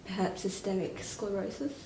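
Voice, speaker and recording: As an exam candidate, a woman examines a patient and presents her clinical findings, sounding tentative and polite. Her medium-pitched voice has a dark tone and a normal pace, and the room recording is echoey, distant and noisy.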